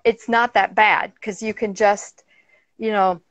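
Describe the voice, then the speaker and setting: A woman in her forties with a Minnesota accent, a guest chatting casually on a video call from a sailboat, bubbly and quick to laugh. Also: mid-range voice, fairly even intonation, fairly bright tone, dry recording. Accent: Minnesota American. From Minnesota, USA. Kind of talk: casual interview chat. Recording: dry, dull video call audio.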